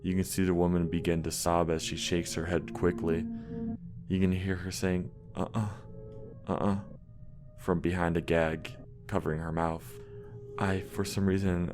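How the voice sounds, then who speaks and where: A man narrating a scripted horror story with a measured, steady delivery. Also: sits low. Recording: music playing underneath.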